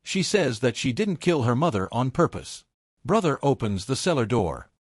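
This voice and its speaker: Man narrating with lively pitch. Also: moderate pace, husky, no echo, studio quality. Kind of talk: scripted story recap narration.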